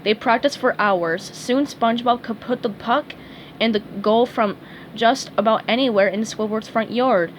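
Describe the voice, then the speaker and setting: A woman reading a storybook aloud in a calm, measured way. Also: fairly high pitch, slight background noise, rough recording. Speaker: narrator.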